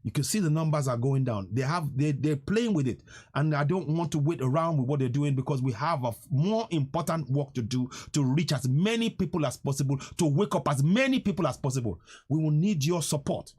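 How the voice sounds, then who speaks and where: A man's voice: fairly high pitch, lively intonation, a little fast, darkish tone, breathy edge. A man in his fifties hosting a live stream, making an impassioned, pleading appeal to his viewers, often repeating himself and stammering when moved. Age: 50s.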